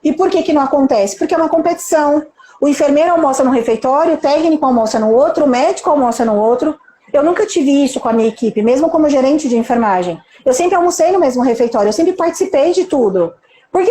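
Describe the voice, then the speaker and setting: A woman's voice: sits high, animated, quick pace, warm tone, reverberant. A Brazilian Portuguese-accented woman, a nurse manager and mentor, giving an emphatic motivational talk on a live stream, full of rhetorical questions and acted-out quotes.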